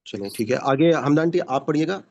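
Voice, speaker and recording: Guy teaching quran on a zoom call, kinda high voice, muffled audio. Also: expressive, darkish tone. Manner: patient explaining, frequent "basically" and "yani ke". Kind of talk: online class teaching. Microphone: video call.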